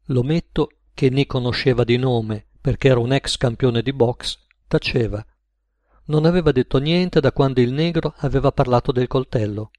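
A man narrates an audiobook story in a steady, measured way. His voice sits mid-range and the recording is close and dry, with no room around it. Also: medium pitch, dry recording.

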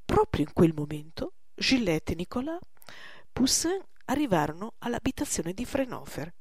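A woman narrating a story in a measured storytelling manner. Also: mid-range voice, very animated, husky, no room sound, studio quality. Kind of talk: scripted narration.

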